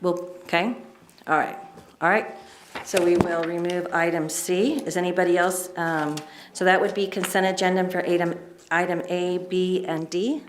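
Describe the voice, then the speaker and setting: Lady running a council meeting, kinda low voice, echoey room, bit of background hiss. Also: fairly even intonation. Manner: brisk, procedural, friendly asides. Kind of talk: formal meeting procedure. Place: council chamber. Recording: echoey chamber mic.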